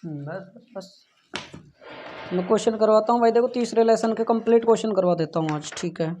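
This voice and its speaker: Earnest teacher. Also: male voice, sits high, fairly quick, warm tone, a little hiss or hum. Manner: earnest, pleading, keeps asking "right?" and saying "yaar". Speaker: physics teacher. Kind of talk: classroom lecture with motivational talk. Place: classroom with a board. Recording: dull lo-fi classroom recording.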